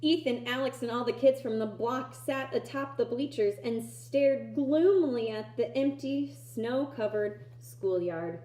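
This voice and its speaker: A woman reads a children's picture book aloud, telling the story expressively in a fairly high voice. She takes her time yet rarely pauses, and the room she's in is echoey.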